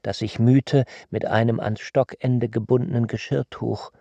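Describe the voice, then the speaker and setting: Gravelly, measured male narrator. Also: medium pitch, no room sound, muffled recording. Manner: measured, calm storytelling. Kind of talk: literary radio narration.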